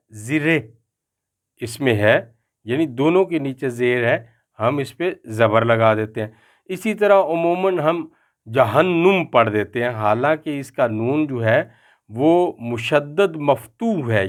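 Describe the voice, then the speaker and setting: An older man with a Pakistani Urdu accent and a medium-pitched voice teaches pronunciation aloud, slowing down to say each word with care.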